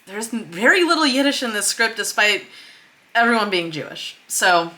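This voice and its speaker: In a low-quality recording, a woman of medium pitch teaches a writing tutorial over screen share, her voice pushed and bright with big pitch swings. At a moderate pace she explains things conversationally and reads script excerpts aloud, hitting key words for emphasis.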